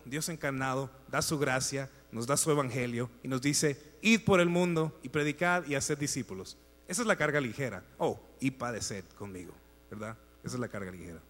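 A man delivers a sermon with emphatic, deliberate phrasing, rising to loud exhortation and then dropping to hushed asides. His voice sits at an ordinary middle pitch. The recording carries a long hall reverb and a faint electrical mains hum underneath. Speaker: preacher.

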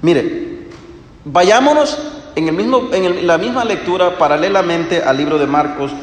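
Animated preacher man in an echoey hall. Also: high-pitched, moderate pace. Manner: animated, rhetorical questions, shifts between loud and hushed. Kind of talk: sermon.

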